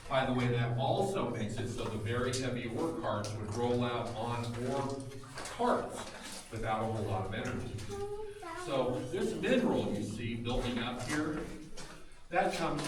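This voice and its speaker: A man's voice: medium pitch, far from the mic. Give me a man guiding a tour inside a mine tunnel, talking in a folksy, joking way, his voice echoing off the rock. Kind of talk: guided tour talk.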